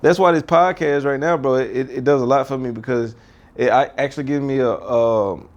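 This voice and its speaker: A man's voice: medium pitch, a little fast, highs cut off. A young man hosting a podcast in casual chat, slurring his words and using slang and profanity. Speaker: podcast host.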